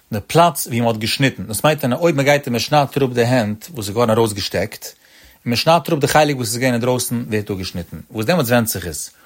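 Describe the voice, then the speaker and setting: A male Talmud teacher walks through a passage in the lilting, chant-like cadence of traditional study. His voice sits in a middling register. Each phrase climbs and then drops away. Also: medium pitch. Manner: sing-song study cadence, rising and dropping on each phrase.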